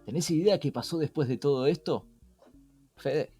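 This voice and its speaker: Here a man co-hosting an explainer podcast, with a Rioplatense Argentine accent, tends to throw out questions to his co-host and the listener and then answer them in a conversational way. He speaks at normal speed in a warm, somewhat high voice, with soft music behind him.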